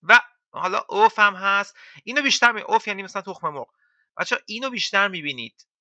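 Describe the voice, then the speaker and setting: A man teaching French to beginners in a casual, chatty way, repeating words slowly for learners. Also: sits high, lively intonation, sharp tone, no room sound. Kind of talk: casual lesson explaining to beginners. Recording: dull lo-fi dry sound.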